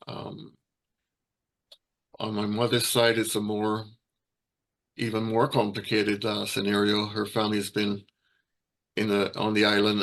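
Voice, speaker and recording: A man from Barbados speaks as a guest presenter in a low, flat, gravelly voice. He talks haltingly, restarting phrases and filling pauses as he goes. It sounds like a video call. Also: rough recording. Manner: halting, many fillers and restarts. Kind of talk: hesitant informal presentation.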